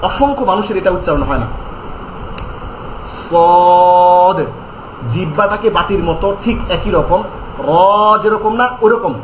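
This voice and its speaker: A high-pitched man teaches Quran pronunciation in an online lesson, slowly drilling and repeating each letter sound. He calmly gives step-by-step instructions on tongue placement. The recording is rough and roomy, with slight background noise.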